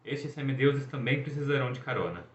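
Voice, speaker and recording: A man's voice: medium pitch, lively intonation, fairly quick, lightly acted. A man voicing a stern, weary young goddess huntress who speaks curtly. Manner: curt, exasperated. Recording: echoey, dull room recording.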